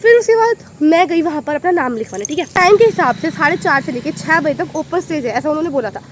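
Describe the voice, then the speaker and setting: Young woman vlogger from Haryana, high-pitched, lively storyteller, phone-recorded outdoors at night. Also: fast talker, background noise. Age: young adult. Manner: animated, exclaiming storyteller. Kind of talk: casual storytelling vlog.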